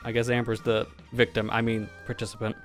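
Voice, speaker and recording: A man's voice: mid-range voice, monotone, fairly quick. A man hosts a gaming livestream from home, his voice sitting in an ordinary middle register. He talks casually and jokes a lot, laughing as he goes. Faint music plays behind him. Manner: joking, chatty, laughs often. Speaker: streamer host. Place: home, talking over voice chat.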